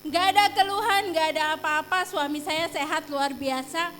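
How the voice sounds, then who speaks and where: A woman's voice: high-pitched, steady tone, normal speed, sharp tone, slight background noise. A woman telling a chatty testimony at a church service, acting out the dialogue she recounts and sprinkling in casual fillers and exclamations. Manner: chatty storytelling, acts out quoted dialogue. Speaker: church member giving a testimony.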